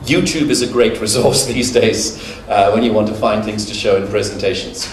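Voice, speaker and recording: A man's voice: lowish voice, fairly even intonation, moderate pace. A middle-aged man from the UK giving a conference lecture, conversational and humorous, with anecdotes and filler words. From United Kingdom. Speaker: conference speaker. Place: conference hall. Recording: echoey hall, mic far off, faint noise.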